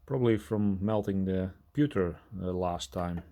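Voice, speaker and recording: Guy w lowish voice, casual diy workshop commentary, unscripted, understated mumbly asides to himself. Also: measured pace, warm tone. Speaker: hobby metal-casting video maker.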